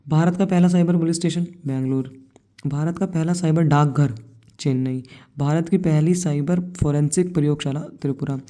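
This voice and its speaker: Young woman, exam coach, informal lecture, talks to students directly, teasing asides, mellow, warm. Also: low-pitched, moderate pace.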